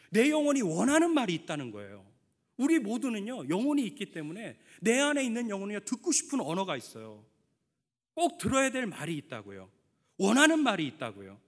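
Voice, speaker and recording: Male pastor, middle-aged, expressive sermon delivery, long church reverb. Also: sits high. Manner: emphatic, asks the congregation questions, tells family anecdotes. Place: church sanctuary.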